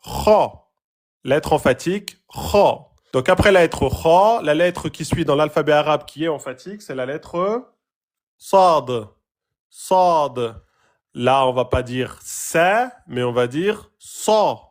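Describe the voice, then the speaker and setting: A man's voice: fairly high pitch, animated, measured pace, hardly any pauses. A man teaching a lesson on pronunciation, stressing and repeating sounds to drill them. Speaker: Quran recitation teacher. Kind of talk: classroom-style lesson.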